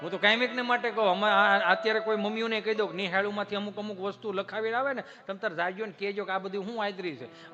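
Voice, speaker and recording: High, bright Kathiawadi comedian. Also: male voice, muffled recording. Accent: Kathiawadi Gujarati. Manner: folksy, punchy, rhetorical asides to the audience. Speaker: stand-up comedian. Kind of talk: live stand-up storytelling.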